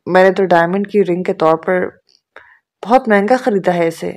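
A woman's voice: on the low side, a little mellow, natural voice. A woman reading the lines of an earnest young man proposing marriage, in a sincere, eager way.

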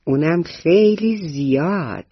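A woman's voice: low voice, animated, slightly rough, no echo, dull audio. A woman storyteller voicing an eager, proud little schoolboy who politely lectures his father about traffic rules, in a bedtime radio story. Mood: earnest.

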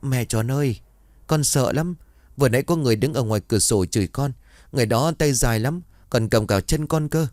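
Scared little kid whimpering, pitched way up, narrator guy doing it. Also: fast talker, darkish tone, no room sound, studio quality, natural voice. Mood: frightened. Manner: frightened, whimpering pleading. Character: scared feverish young boy.

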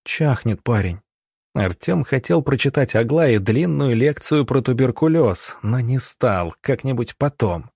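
A man reading an audiobook in measured, even storytelling. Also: mid-range voice, gravelly, slightly rough, no room sound, studio quality. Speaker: audiobook narrator. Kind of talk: scripted audiobook narration.

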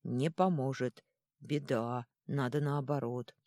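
A gruff male troll warrior, as a woman reads him, growling out short, blunt phrases with slow, heavy emphasis. The voice is low and dark, recorded close and dry for a storybook. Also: no room sound.

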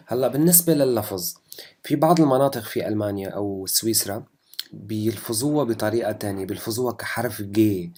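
A man's voice: fairly low pitch, quick pace, a little mellow. A young man with a Levantine Arabic accent gives a German lesson, explaining rules and drilling number words one by one. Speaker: German teacher. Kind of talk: language lesson.

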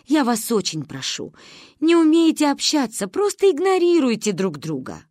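A woman reading aloud and voicing a gentle, pious old grandmother who pleads with and scolds those around her. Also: high voice, huge pitch swings, moderate pace, dry recording, clean studio sound, pitched above the performer's own voice. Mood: pleading.

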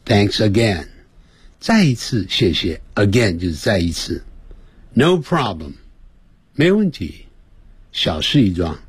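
A man teaching English on a radio lesson, explaining phrases and drilling pronunciation by stretching words out slowly. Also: deep voice, wildly swooping pitch, breathy edge, dry recording. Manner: switches between explanation and example phrases.

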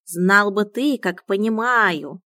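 A woman voicing a dignified, sardonic talking male cat in an audiobook, speaking in a slow, haughty drawl. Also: mid-range voice, sharp tone, dry recording, clean studio sound. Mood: mocking.

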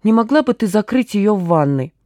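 Woman doing a whiny scaredy man, shrill and pleading, mellow dark voice, dry close sound. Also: animated, brisk, dry recording. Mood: meek. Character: whiny timid grown man, easily frightened. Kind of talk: audiobook character voice.

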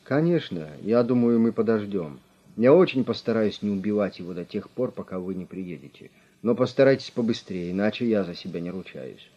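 Man as a calm, grim male detective. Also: fairly low pitch. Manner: calm, measured, menacing. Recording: slightly muffled recording.

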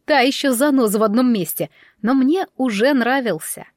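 A woman narrating a first-person fairy-tale story as an audiobook, in an even, expressive storytelling manner. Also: fairly high pitch, no echo, clean studio sound.

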